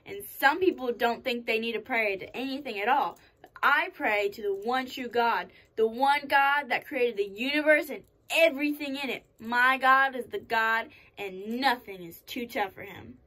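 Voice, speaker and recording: A woman playing a hyper, cocky, stunt-loving daredevil in a children's comedy skit, boasting excitably with swooping emphasis. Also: a little high, moderate pace. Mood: earnest, confident.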